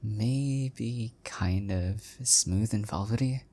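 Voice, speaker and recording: A man plays an adorkable, self-deprecating young husband in an intimate one-sided audio roleplay, his voice low and very slow. He sounds bashful and unsure, speaking softly and hesitantly with affection.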